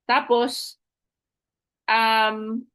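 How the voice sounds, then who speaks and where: A woman's voice: a little high, little pitch movement, extremely slow, fairly bright tone, clear, resonant tone. A woman giving a motivational network marketing presentation. She checks in with her listeners through frequent tag questions and switches between two languages mid-sentence. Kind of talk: motivational recruitment talk with a story.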